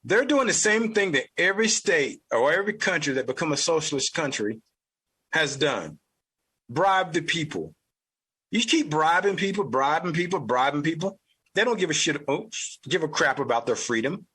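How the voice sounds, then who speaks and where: A man's voice: on the high side, lively intonation, moderate pace, sharp tone, breathy edge. A man with a Southern US accent hosting an opinion podcast, talking in a blunt, profane, ranting way. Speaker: podcast host. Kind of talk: opinion commentary.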